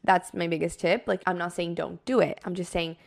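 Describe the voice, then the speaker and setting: A woman's voice: lowish voice, steady tone, brisk, creaky. A woman podcast host explaining things in a casual, conversational and reassuring way, with frequent filler words like "like" and "kind of".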